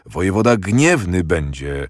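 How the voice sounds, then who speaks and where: A man's voice: low-pitched, big pitch swings, measured pace, no room sound, clean studio sound, exaggerated voice. A man reading the part of a hesitant, flustered guard captain.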